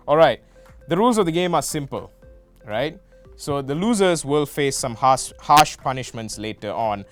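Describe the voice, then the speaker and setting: A man's voice: medium pitch, smooth. A young man hosting a student game show, playful with jokey asides. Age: young adult.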